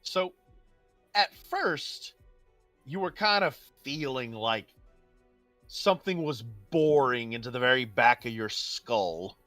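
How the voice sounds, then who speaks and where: A game master narrating a tabletop game in a casual, animated way, often laughing while talking. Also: medium pitch, slow, dry recording, soft background music. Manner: animated, laughing as they talk.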